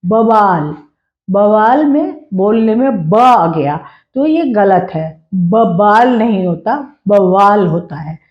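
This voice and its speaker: A woman teaching a spelling lesson, speaking slowly and deliberately and repeating example words for her students. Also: mid-range voice, animated, roomy sound, lo-fi sound.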